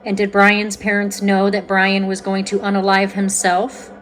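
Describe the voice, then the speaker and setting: A woman hosting a paranormal session, talking casually and conversationally, commenting and putting questions out loud, with pauses to listen. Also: medium pitch, completely flat delivery. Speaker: host of a paranormal spirit box session.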